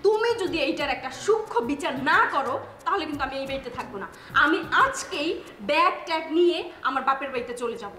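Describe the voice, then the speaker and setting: A woman's voice: high voice, animated, fast, pushed and bright, roomy sound. An actress playing a scheming young wife who accuses her mother-in-law and threatens to leave. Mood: indignant. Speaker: elder daughter-in-law. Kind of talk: village TV drama acting.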